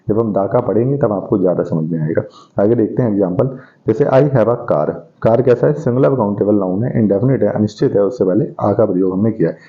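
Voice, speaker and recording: A man with a fairly low voice teaches an English grammar lesson, explaining it step by step and posing questions he then answers himself. He reads the English example sentences slowly, and the recording sounds dull and lo-fi.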